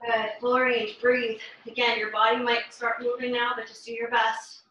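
A woman's voice: fairly high pitch, little pitch movement, normal speed, bright, forceful tone, dull audio, slight background noise. A young woman leading a home workout as an urgent, encouraging gym coach, calling short repeated commands and counts while exerting herself. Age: young adult. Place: living room, indoors. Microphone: camera a few metres away. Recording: very echoey room, distant microphone.

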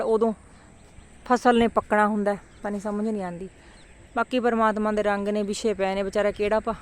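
A woman chatting casually for a village vlog outdoors, animated and given to exclaiming and playful calling out. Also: mid-range voice. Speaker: village vlogger.

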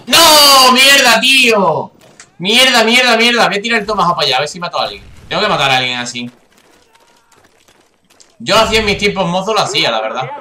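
A young man from Spain with a Castilian accent commentates live gameplay, swearing a lot and bursting into high yelps at kills and misses. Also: pushed and bright, roomy sound. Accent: Castilian Spanish. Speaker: gaming youtuber.

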